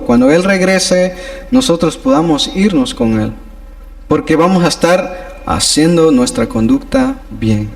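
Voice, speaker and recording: A man's voice: fairly high pitch, vocal fry, a little mellow. A man leading a Sunday Bible study in a church, teaching earnestly and often addressing his listeners as brothers. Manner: earnest, repeats "hermanos" often.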